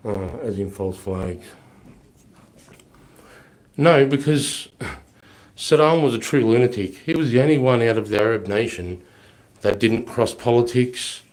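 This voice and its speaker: During a casual live Q&A chat, a man rambles bluntly and swears while answering viewer questions on a stream. His lowish, slightly mellow voice sounds a little off because of a flu.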